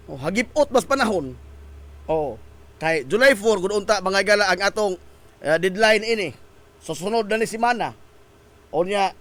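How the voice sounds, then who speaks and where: A man hosting a morning radio show, chatty and joking, his voice hoarse from a cough and cold. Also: high-pitched, a bit bright. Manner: jokey, laughs often at his own quips. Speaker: radio host.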